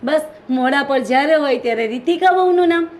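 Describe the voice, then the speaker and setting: An actress playing a hardworking, resentful daughter-in-law who complains constantly, with a Gujarati accent. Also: female voice, high-pitched, brisk, natural voice. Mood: aggrieved. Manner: complaining, aggrieved.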